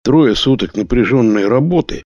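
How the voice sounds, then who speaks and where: A male audiobook narrator reads a novel aloud in a steady storytelling manner, delivering scripted narration at medium pitch and a moderate pace. The recording is dry and studio quality.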